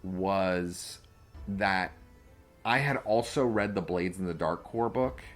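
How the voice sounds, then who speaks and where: A man's voice: deep voice, slow, soft background music. A man co-hosting a podcast in a casual, rambling chat, full of fillers and restarts. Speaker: podcast co-host and game master.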